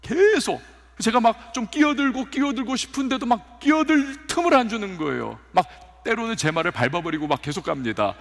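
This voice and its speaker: A male pastor delivers a sermon in a church, telling his stories with acted-out quotes. His voice is somewhat high and gravelly, and it rings with a long hall reverb. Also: a little fast. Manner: animated storytelling with acted quotes. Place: church sanctuary.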